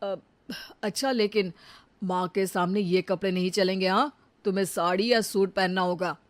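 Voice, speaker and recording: Woman playing young husband in a cartoon, earnest, coaxing, mid pitched voice. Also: steady tone, normal speed, lightly acted. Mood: coaxing, firm. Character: dutiful young husband, devoted to his mother.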